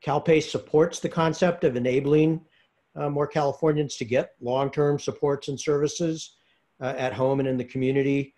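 Halting man giving public comment. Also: on the high side, steady tone, warm tone. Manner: halting, many fillers. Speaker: public commenter for a care program. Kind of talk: public comment at a virtual meeting.

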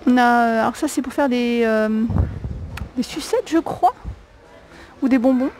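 An adult mother of a young child records a casual shopping vlog on a handheld camera, strolling through a discount store and hesitantly naming prices in non-native-accented French, full of fillers. She talks a little slowly in a fairly high, slightly mellow voice. The rough recording has slight background noise.

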